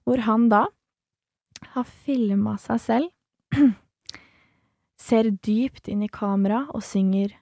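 Young woman, casual podcast storyteller, lively and profane, brightish pitch, dry studio. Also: creaky, pauses often, no echo. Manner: animated, swears, acts out quoted voices. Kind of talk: casual anecdote telling.

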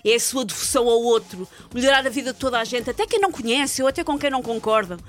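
A woman's voice: on the high side, fast, faint music behind. A woman host with a European Portuguese accent, ranting sarcastically in comic chat-show banter.

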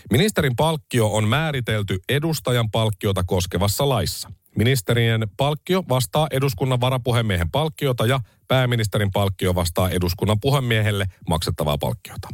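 A man's voice: on the low side, no room sound, clean studio sound. A man hosting a podcast, delivering a sarcastic, mocking monologue on politics in a casual, conversational way. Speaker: podcast host.

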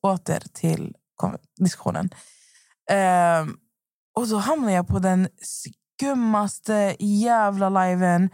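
Young woman, podcast co-host, casual rambling chat, filler-heavy storytelling, mid pitch, dry close sound. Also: a little mellow, no room sound.

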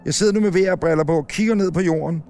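A man hosting a podcast, talking loudly and excitedly as he rides a space-capsule simulator in a museum. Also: on the high side. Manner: loud, excitable, shouting while wearing VR goggles. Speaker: podcast host. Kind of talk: casual chat. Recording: loud background noise.

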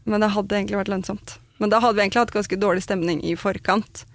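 A woman speaks in a relaxed conversational chat, frank and blunt as she tells her own story, with mild swearing. Her voice sits at an ordinary middle pitch and sounds close and dry, with no room echo. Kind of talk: casual chat.

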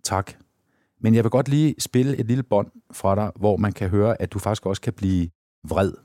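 A man calmly asking questions as host of an interview. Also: on the low side, no echo, clean studio sound. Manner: calm, plain questioning. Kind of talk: relaxed interview.

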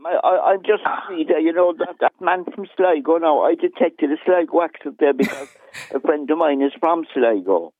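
A man's voice: fairly high pitch, moderate pace, no echo. A man with a Cork Irish accent calling a radio phone-in, explaining his opinion conversationally and articulately over the phone. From Cork, Ireland. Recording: phone line to radio show.

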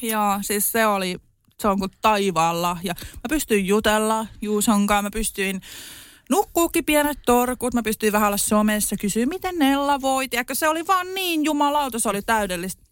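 A woman's voice: fairly high pitch, lively intonation, clean tone, no room sound. A young woman on a podcast telling her own story in casual chat, candid, laughing often and swearing freely.

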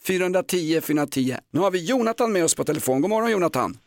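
A man's voice: high-pitched, animated. A male morning radio host with upbeat, jokey banter on a studio microphone.

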